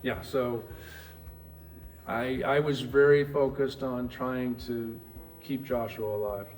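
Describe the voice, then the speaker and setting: A middle-aged man from New Hampshire, a former pro football player, telling his story in an interview with many pauses and restarts. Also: mid-range voice, flat delivery, a little mellow, soft background music. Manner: rambling, halting, with many restarts.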